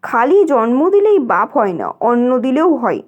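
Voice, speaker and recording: A woman's voice: high voice, very animated, measured pace, narrow, tinny audio, exaggerated voice. A woman doing a stubborn, mocking young husband. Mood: earnest.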